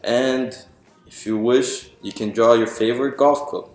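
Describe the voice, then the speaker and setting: In a steady, mid-range voice with a darkish tone, a man reads a picture book aloud a little slowly. His storybook narration is explanatory, full of questions he puts to listeners and then answers. The recording has a roomy echo with music underneath.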